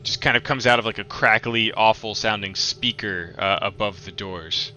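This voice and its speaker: A man narrating a tabletop game as game master, improvising descriptions in a halting way. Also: lowish voice, bright, forceful tone, highs cut off, soft background music.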